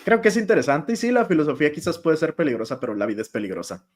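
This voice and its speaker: A man's voice: fairly high pitch, lively intonation, rapid-fire. A man interpreting live in an interview over a video call, casual and friendly, with filler words.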